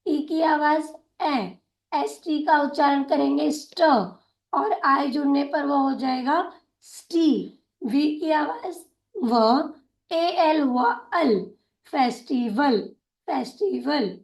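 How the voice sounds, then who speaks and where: A woman teaching a phonics lesson, spelling words out letter by letter and repeating each word twice, slowly and patiently. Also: high-pitched, echoey room. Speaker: English teacher.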